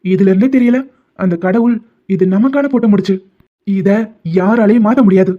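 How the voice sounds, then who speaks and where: At normal speed and medium pitch, with a lightly acted touch, a voice actor portrays a stubborn young doctor, the male lead of an animated love story, who teasingly uses pet names for the heroine and maintains she is his wife. The recording is dull and lo-fi, with music faintly audible.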